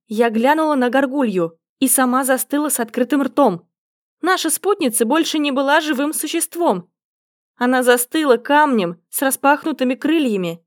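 Женщина читает аудиокнигу высоким голосом. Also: female voice, high voice, no echo, studio quality. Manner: voices the characters' lines herself. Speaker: audiobook narrator. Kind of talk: scripted first-person narration.

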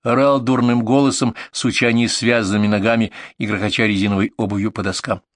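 A man with a low voice reads a first-person story aloud. His delivery is steady and vivid. The sound is dry and close to the mic. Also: a little fast, dry recording. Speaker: audiobook narrator. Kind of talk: first-person audiobook narration.

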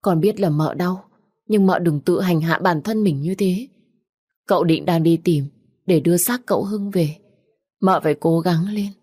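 A woman's voice: low-pitched, fairly even intonation, takes it slowly, pauses often. A woman voicing a young servant girl who anxiously pleads with her grieving mistress. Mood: pleading. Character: young frightened female maid, tearful and loyal.

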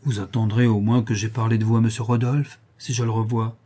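A man reading an audiobook and voicing a gentle, modest, polite young girl. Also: fairly low pitch, level tone, a little fast, natural voice. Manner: soft and polite.

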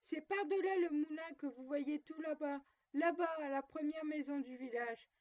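A woman's voice: high-pitched, moderate pace, darkish tone, lightly acted. A woman voicing an innocent, trusting little girl in a storybook, speaking politely, on a dull lo-fi recording.

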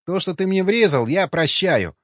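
A man voicing an anguished young male survivor who talks bluntly and roughly. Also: sits high, animated, normal speed, dry recording, pitched above the performer's own voice. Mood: bitter. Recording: dull, slightly lo-fi dry recording.

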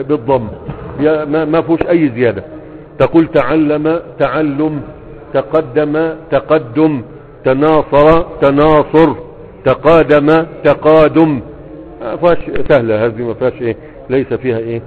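Man teaching grammar in an Egyptian accent. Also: on the high side. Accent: Egyptian Arabic. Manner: repeats verb patterns slowly, asks "تمام؟" to check understanding. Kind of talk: spoken lesson explaining verse on Arabic morphology. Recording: phone-like sound with a long reverb.

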